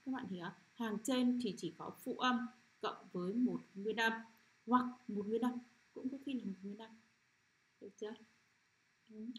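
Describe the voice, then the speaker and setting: A middle-aged woman teacher leading a children's phonics lesson, sounding out syllables slowly and often asking if the class has understood. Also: fairly high pitch. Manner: repetitive, checks understanding with frequent "được chưa?".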